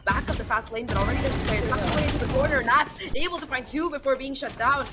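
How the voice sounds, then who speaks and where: High-pitched woman esports caster over loud game noise. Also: fast. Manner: dramatic, vivid play-calling. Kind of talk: live esports play-by-play commentary.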